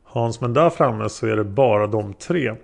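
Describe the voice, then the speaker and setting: A man's voice: fairly low pitch, creaky. A man voicing a male taxi driver testifying as a witness, answering in a plain, hesitant way. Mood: calm.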